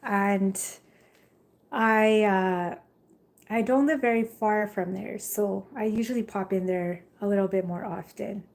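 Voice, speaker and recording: A young woman from Jamaica streams live on a handheld phone, her mid-range voice steady, dark-toned, a little slow and touched with vocal fry. She reads viewer comments in a rambling, casual way, with plenty of "like" and "you know."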